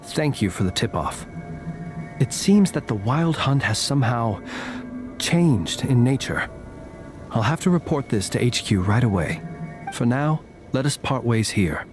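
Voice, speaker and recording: A man voicing a courteous, enigmatic gentleman watchman in a video game, formal and wry. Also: medium pitch, very animated, unhurried. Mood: polite. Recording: music under the voice.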